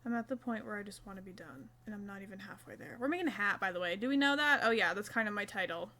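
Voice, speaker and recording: A young woman streams live while she crochets, talking fast in a mid-range, sharp-toned voice. She chats casually and mocks herself, swearing now and then.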